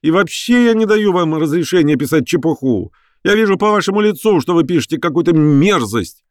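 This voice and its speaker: A man's voice: fairly high pitch, lively intonation, a little slow, no room sound, clean studio sound, pitched above the performer's own voice. A man voicing an irascible elderly professor who shrieks and howls in hysterical outbursts. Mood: indignant. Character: irascible elderly male professor, shrill and explosive.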